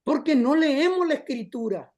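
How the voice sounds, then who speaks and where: A man preaching to his congregation in an impassioned, storytelling way. His voice sits notably high for a man, and he calls his listeners brothers as he builds his point. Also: animated, normal speed, darkish tone. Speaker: pastor. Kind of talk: storytelling sermon.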